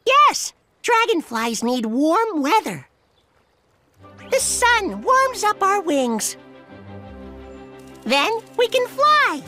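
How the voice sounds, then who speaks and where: Very high-pitched friendly cartoon dragonfly. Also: female voice, big pitch swings, sharp tone, faint music behind, full character voice. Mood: friendly, informative. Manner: simple, deliberate delivery for young children. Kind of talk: children's educational cartoon dialogue.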